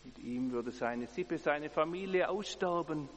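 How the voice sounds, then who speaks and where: A man giving an earnest sermon, speaking in a measured way and repeating key words for emphasis. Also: on the high side, in a large hall, a little hiss or hum. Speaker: preacher.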